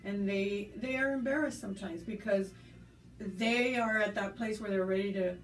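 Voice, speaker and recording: Here the same American-born school staffer answers interview questions at a normal speed in a medium-pitched voice, with faint music in the background. Her manner is earnest and reflective, marked by fillers and restarts. The audio sounds roomy, taken from a distant mic, with faint noise.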